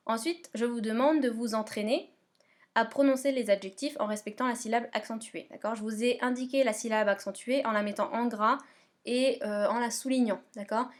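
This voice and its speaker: Speaking at normal speed in a steady, fairly high voice, a woman teacher gives remote lesson instructions for English homework. She guides the pupils patiently one step at a time, frequently making sure they're following.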